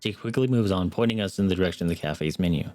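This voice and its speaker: Young guy streamer with a low voice reading a visual novel out loud, joking asides, dry mic. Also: fast, no echo, soft background music. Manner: earnest reading with wry asides.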